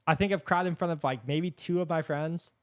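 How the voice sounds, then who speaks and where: This podcast host has a fairly high-pitched voice and a lisp, talking fairly quickly in an earnest, rambling way full of fillers. The recording is dry, made with a studio microphone on a set with camera and microphones.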